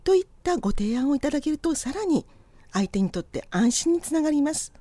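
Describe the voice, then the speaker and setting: A woman who is a native Japanese speaker teaches English pronunciation in polished, honorific speech, with her pitch swinging lively up and down. Her voice sits fairly high and sounds dry and close, with no room around it. She slows right down to model English phrases for the learner to copy. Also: dry recording. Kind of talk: scripted lesson narration.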